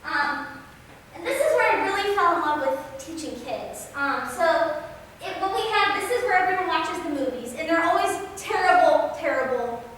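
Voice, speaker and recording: A woman's voice: very high voice, animated, normal speed, a bit bright. A woman biologist giving an informal slide lecture in a casual, conversational way. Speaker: biologist giving an outreach talk. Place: large echoey room, speaking through a mask. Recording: very echoey hall, distant mic, faint noise.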